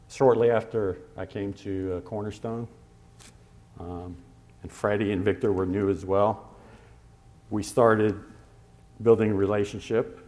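Speaking to his congregation, this male pastor preaches conversationally, using pauses and filler words and easing his pace to highlight scripture references. His voice is on the low side and a little mellow.

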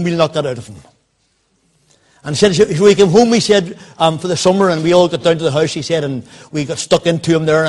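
A man's voice: high voice, darkish tone. An older man, telling a personal story in a sermon and quoting the people in it. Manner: anecdotal, quoting others in dialogue. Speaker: preacher.

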